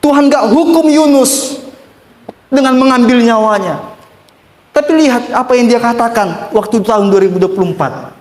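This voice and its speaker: A male pastor, preaching emphatically to his congregation, sweeping up and down in pitch and repeating phrases for effect. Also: normal speed, reverberant. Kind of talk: sermon. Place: church.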